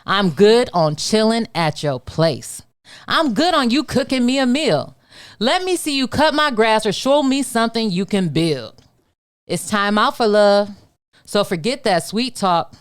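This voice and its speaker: A woman's voice: a little high, lively intonation, measured pace, clear, resonant tone, no room sound, studio quality. A woman from Detroit, a podcast guest, reading a spoken word poem in a defiant, rhythmic delivery. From Detroit, USA.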